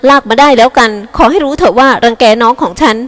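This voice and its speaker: Woman doing a snappy bratty younger sister, high and sharp, big echoey hall sound. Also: expressive, fast talker. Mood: sarcastic. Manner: snapping, resentful.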